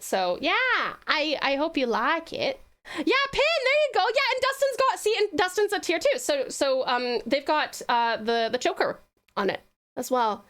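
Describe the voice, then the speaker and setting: This livestreaming virtual host has a high-sitting voice with a fairly bright tone. In a casual stream, she chats with her audience in a sweet, gushing way, using lots of terms of endearment.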